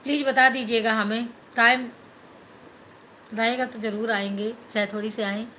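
A middle-aged woman from Madhya Pradesh, India, holds her phone at arm's length in a small indoor room, live-streaming casually as she reads and answers comments, greets viewers and thanks them again and again. Her bright, slightly high voice keeps a fairly even intonation at a moderate pace, mixing English into her Hindi. A faint hiss of room noise sits underneath.

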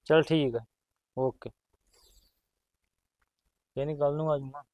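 A man's voice: a little high, fairly even intonation, unhurried, a little mellow, no room sound, lightly acted. A man with a Malwa Punjabi accent acting as a man taking a family phone call, giving short, offhand replies.

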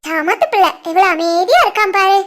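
A woman doing a sharp-tongued cartoon grandmother. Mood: fond. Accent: southern Tamil, Tirunelveli. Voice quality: high, bright cartoonish voice. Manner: bossy, playful, quick retorts. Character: teasing middle-aged grandmother, sharp-tongued mother-in-law.

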